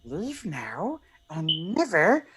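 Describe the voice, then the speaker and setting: A man doing an impression of a split-minded creature arguing with himself, in a shrill, whiny, strained voice. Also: wildly swooping pitch, slow pace, a bit bright, full character voice. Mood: anguished.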